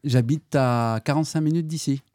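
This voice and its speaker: Hesitant middle-aged man, dark dry voice. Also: fairly high pitch, moderate pace, dry recording. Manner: hesitant, many fillers, animated when acting out a story. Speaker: history-geography teacher. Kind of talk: casual interview, storytelling.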